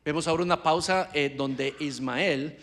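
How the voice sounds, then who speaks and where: A man in a church sanctuary gives live Spanish interpretation of a sermon, his speech hesitant and studded with fillers and restarts. His voice leans high, fairly bright in tone, and moves at a moderate pace.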